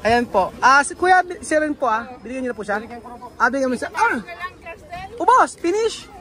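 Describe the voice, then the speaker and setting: A woman vlogging outdoors, chatting with children in a lively, coaxing way and switching between languages. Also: sits high, fast talker. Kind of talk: casual vlog chat with children. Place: busy street outdoors. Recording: crowd and music noise outdoors. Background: street crowd and music.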